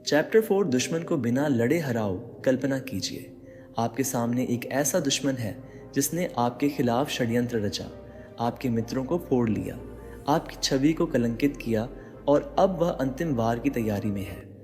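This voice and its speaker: A man's voice: medium pitch, moderate pace, a little mellow. A man giving dramatic motivational narration, speaking straight to the listener with rhetorical questions. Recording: long reverb with faint background music.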